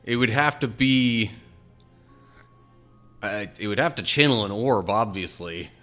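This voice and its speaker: A man's voice: lowish voice, unhurried, bright, forceful tone, soft background music. A man streaming a video game, chatting casually and thinking aloud in a hesitant, rambling way. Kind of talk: casual live-stream chat.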